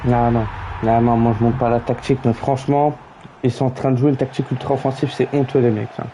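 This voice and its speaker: A man's voice: mid-range voice, little pitch movement, fast, dark tone, slight background noise, low-quality recording. A man streaming a football video game, chatting with friends in slangy, teasing, mock-outraged asides and calling the match like a mock commentator.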